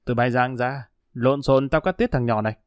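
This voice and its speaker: A man's voice: medium pitch, fairly quick, clean tone, dry recording, clean studio sound, lightly acted. Brief: male narrator as a sneering hostage-taker, cold and threatening. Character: ruthless male thug holding a child hostage.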